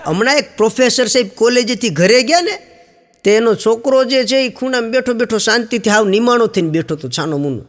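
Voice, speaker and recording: A man's voice: lively intonation, fairly quick. A man doing stand-up, telling jokes as stories and acting out the people in them. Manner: storytelling, acting out quoted characters with raised pitch. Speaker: stand-up comedian. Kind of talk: Gujarati joke telling to an audience. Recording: long hall reverb.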